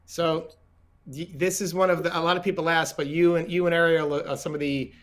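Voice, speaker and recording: A man's voice: a little high, flat delivery, a little fast. A man, hosting a casual podcast chat with frequent stammered restarts. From Staten Island. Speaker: podcast host.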